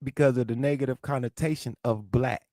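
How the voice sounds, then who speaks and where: This livestream host talks fairly quickly in a mellow, mid-range voice with fairly even intonation. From St. Louis, with a lisp and a local South Midwest accent, he rants and swears while confronting chat commenters. The audio is studio quality with no echo.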